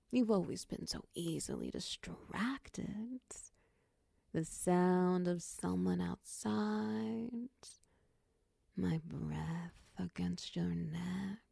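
A woman's voice: medium pitch, no room sound, exaggerated voice. A woman whispering as a doting snake-tailed mother figure. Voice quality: breathy whisper. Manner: soft close whispering, coaxing and soothing. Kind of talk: ASMR whispered roleplay.

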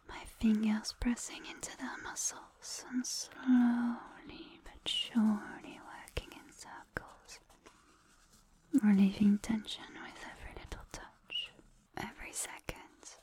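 A woman playing a whispering, doting massage attendant. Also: a little high. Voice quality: breathy whisper. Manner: soft whispering, sprinkled with French endearments. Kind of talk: ASMR roleplay.

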